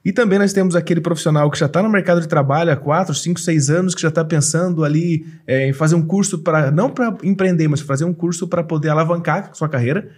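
A man's voice: a little high, fast, few pauses, darkish tone, breathy edge. A man hosting a casual podcast interview, chatty and eager, laughing along with his guest. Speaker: podcast host.

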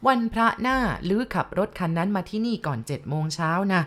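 A woman doing a slow-spoken old Chinese man. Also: lowish voice, animated, lightly acted. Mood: calm. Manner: speaks slowly and deliberately. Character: elderly Chinese man, calm spirit medium.

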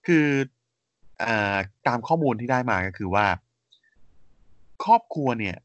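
A man co-hosting a relaxed podcast walks through facts at a steady pace, padding them with hesitant fillers and polite endings. His voice sits in a middle pitch, and the audio is dry and a little dull and muffled. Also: unhurried, no room sound. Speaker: podcast co-host. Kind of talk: casual podcast chat.

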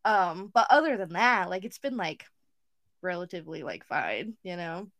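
A woman's voice: on the low side, lively intonation, moderate pace, fairly bright tone. A young woman co-hosting a podcast, chatting casually, saying "like" constantly and swearing now and then. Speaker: podcast co-host. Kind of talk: casual chat.

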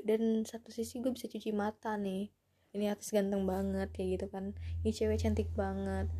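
Casting: female podcaster, twenties, warm dark tone, soft-edged delivery, loose and self-deprecating solo chat. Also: mid-range voice. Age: 20s. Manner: rambling, self-deprecating, often chuckling to herself. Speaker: podcast host.

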